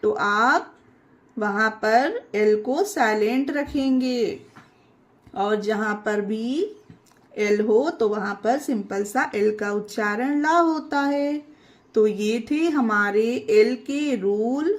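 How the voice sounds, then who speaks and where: Woman teacher, slow and patient, high pitch, spells out each word for viewers. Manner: spells words letter by letter and repeats them; addresses viewers as friends. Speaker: English pronunciation teacher. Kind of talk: slow step-by-step lesson.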